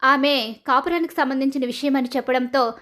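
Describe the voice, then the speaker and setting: A woman's voice: sits high, brisk, a bit bright. A woman voicing a nervous middle-aged man, exposed as a fake uncle, who stammers and tries to slip away. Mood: pleading. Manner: stammering, evasive.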